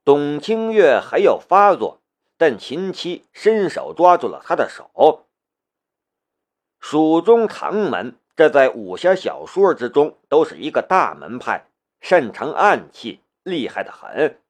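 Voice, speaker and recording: A man reading a serialized novel aloud. His storytelling is expressive and animated, with a voice a bit higher than most men's. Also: takes it slowly. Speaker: audiobook narrator. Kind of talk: scripted novel narration.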